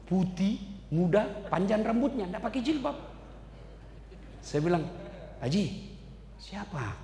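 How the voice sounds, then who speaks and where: A man preaching a sermon, animated, swinging between loud and hushed. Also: sits high, unhurried, a little hiss or hum. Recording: echoey hall with faint ambience.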